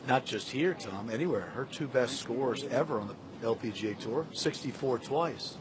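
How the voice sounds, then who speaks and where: Male golf commentator, loud background noise. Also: mid-range voice, animated, normal speed. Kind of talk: live sports commentary.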